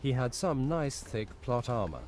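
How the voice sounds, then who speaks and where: A man's voice: mid-range voice, measured pace, soft background music. A male text-to-speech voice reading out viewer chat messages on a stream. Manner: flat read-out chat messages.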